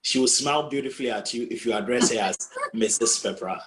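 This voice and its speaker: A man hosts an interview show, greeting his guest warmly and heaping praise on her answers. His voice sits at an ordinary middle pitch. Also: fast. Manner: effusive, heaps praise on the guest. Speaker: show host. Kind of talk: interview hosting.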